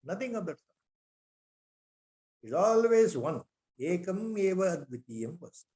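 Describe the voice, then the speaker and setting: A man's voice: sits high, sing-song, a little slow, warm tone. A man with an Indian accent gives a spiritual discourse, reciting Sanskrit verses and asking repeated rhetorical questions. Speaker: spiritual teacher.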